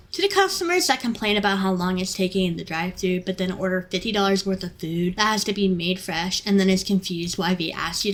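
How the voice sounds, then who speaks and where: A young woman who works in fast food, ranting about customers in an exasperated, sarcastic vlog. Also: medium pitch. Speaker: fast food worker and vlogger.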